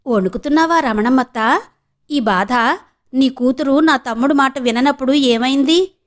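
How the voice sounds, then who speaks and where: Taunt and gloat as a woman playing a scheming, spiteful aunt, pitched a little high. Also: normal speed, natural voice.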